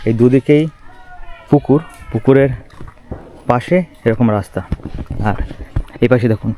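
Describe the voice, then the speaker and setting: A man's voice: mid-range voice, a little slow, warm tone. A man narrating a travel video outdoors by a river, pointing things out to viewers and chatting with locals. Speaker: travel vlogger. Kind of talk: walking tour narration. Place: outdoors by a river, village path and boat.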